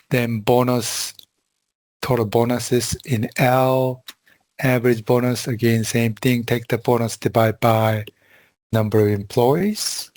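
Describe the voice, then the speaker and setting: A man teaching a class over a video call, walking through spreadsheet formulas in a slow, halting way with frequent fillers. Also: mid-range voice, dry recording. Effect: heard over a video call. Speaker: instructor. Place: video call from a quiet room. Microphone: computer mic on a video call.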